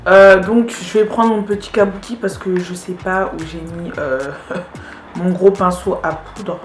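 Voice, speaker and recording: A woman's voice: on the low side, fairly even intonation, a little slow, reverberant, faint music behind. A woman vlogger chatting casually with lots of fillers while she does her makeup. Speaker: beauty vlogger. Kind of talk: casual get-ready-with-me makeup narration.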